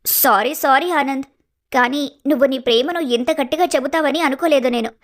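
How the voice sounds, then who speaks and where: A clever, playful young woman in a cartoon story, voiced by a woman, teasing and lively. Her voice is bright and high. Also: normal speed, lightly acted. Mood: teasing, tender. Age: young adult.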